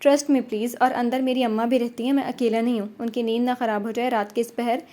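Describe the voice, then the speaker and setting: Woman doing a young cop guy, firm and a bit offended, mellow voice, audio story. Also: fairly high pitch, little pitch movement, lightly acted. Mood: stern. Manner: firm, a little indignant. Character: young man, police inspector, stern but kind.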